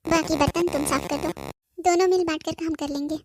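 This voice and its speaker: A woman voicing a patient, gently firm cartoon mother-in-law who coaxes softly and keeps saying "beta". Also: sits high, fairly even intonation, a little fast, noisy background, natural voice. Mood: gently instructing. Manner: soft, coaxing, says "beta" often. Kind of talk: cartoon voice acting.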